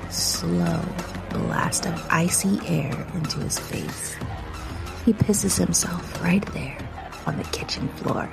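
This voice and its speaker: A woman reading her own first-person horror story aloud, measured and often dropping to a hushed whisper. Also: lowish voice, vocal fry.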